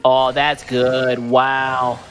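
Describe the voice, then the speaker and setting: A man's voice: medium pitch, completely flat delivery, extremely slow, a bit bright, soft background music. A man co-casting an esports card game, laid-back and joking in banter. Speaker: esports co-caster. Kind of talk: live esports commentary.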